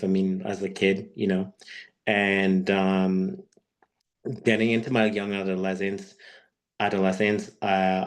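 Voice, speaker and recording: A man in his thirties, from Peru and raised in Quebec, speaking as a guest on a video call and telling his story in a halting, unhurried way. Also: sits low. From born in Peru, raised in Quebec, Canada. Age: 30s. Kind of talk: personal talk on an online webinar.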